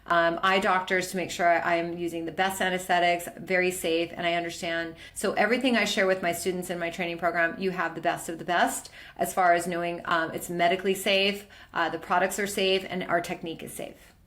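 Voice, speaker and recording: A middle-aged woman gives a training lesson on permanent makeup, walking through her slides. Her voice sits on the low side. She talks in an enthusiastic, chatty way with plenty of fillers. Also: fairly bright tone.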